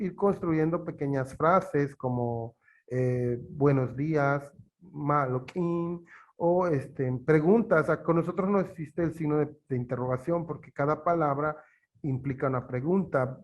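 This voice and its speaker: A man teaching in an interview, from Yucatán in Mexico with a Yucatán Spanish accent, explaining slowly and haltingly with many fillers. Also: on the high side.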